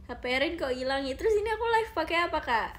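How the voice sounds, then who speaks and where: A woman's voice: extremely high pitch, animated, fast, fairly bright tone. A young woman chatting casually on a phone live stream from home, giggly and reading viewer comments aloud. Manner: chatty and giggly, often addresses viewers as guys.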